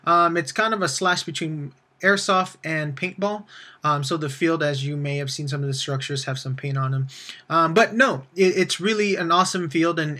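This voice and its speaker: A man speaks as the host of a video channel in a slightly high-pitched voice. He addresses viewers informally, rambling along in a relaxed vlog style. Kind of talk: casual vlog outro to viewers.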